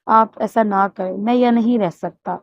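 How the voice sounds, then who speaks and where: A woman's voice: medium pitch, fairly even intonation, dry recording, close to an everyday voice. A woman voicing a humble young grandson who speaks pleadingly, in a dull, muffled recording.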